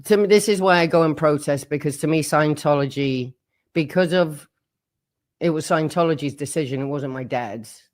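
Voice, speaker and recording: A man in his sixties with a slightly high voice speaks at normal speed, giving plain, frank testimony about his childhood as a former member telling his story.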